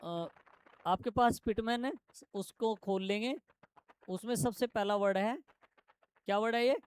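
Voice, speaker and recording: A man teaching shorthand to a classroom, explaining step by step and quizzing his students with quick questions. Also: sits high, smooth. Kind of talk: classroom lesson.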